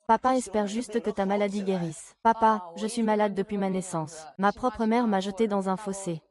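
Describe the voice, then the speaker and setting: A woman's voice: medium pitch, moderate pace, lightly acted. A woman dubbing dialogue for a family drama with an emotional delivery. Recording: loud crowd noise behind.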